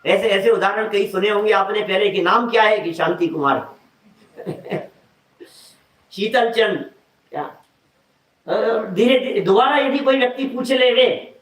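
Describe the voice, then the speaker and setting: A man's voice: high voice, unhurried, long pauses. A man preaching a sermon in a conversational way, asking the listeners questions and acting out everyday examples. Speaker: preacher giving a religious discourse. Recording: echoey hall, mic at a distance.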